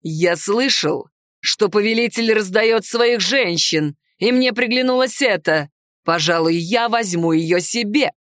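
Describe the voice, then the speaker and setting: A woman reading aloud and voicing an arrogant, boorish young werewolf man with a slow, leering, self-assured drawl. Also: mid-range voice, animated, no echo, clean studio sound, close to an everyday voice. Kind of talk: audiobook character voice.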